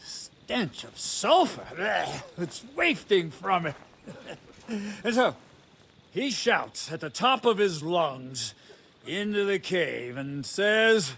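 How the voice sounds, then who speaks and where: A man's voice: high voice, slow pace, gravelly, slight background noise, full character voice. An actor voicing a brash, foul-mouthed young nobleman in a video game, mocking and crude. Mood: boisterous. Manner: lively storyteller, mocking and crude.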